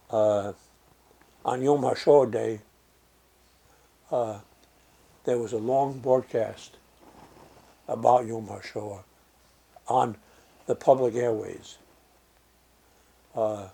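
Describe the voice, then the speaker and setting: In an oral history interview, an older man from Germany speaks in a slow, reflective way, with many pauses and fillers. His medium-pitched voice is mellow and slightly rough, with vocal fry.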